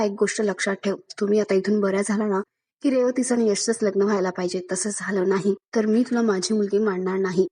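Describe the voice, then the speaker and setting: A woman's voice: mid-range voice, dark tone, husky, close to an everyday voice. A woman voicing a harsh middle-aged mother who scolds her daughter.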